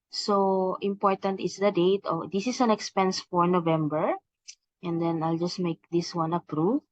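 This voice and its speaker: A woman with a lowish voice works as a software trainer, explaining a program step by step in a semi-scripted tutorial. She hesitates often and keeps repeating "okay" and "please take note," and the screen-recording audio is slightly dull and lo-fi.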